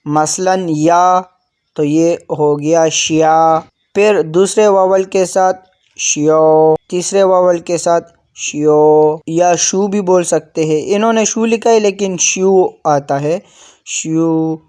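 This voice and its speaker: A woman's voice: on the low side, fairly even intonation, warm tone. A woman from Pakistan giving an online language lesson, patiently repeating key words and addressing viewers as friends. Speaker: Korean language teacher.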